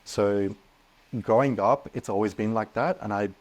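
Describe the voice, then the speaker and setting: A young man speaking as a podcast guest, earnest and animated, often restarting his sentences. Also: on the low side, normal speed. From Australia. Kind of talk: casual podcast interview.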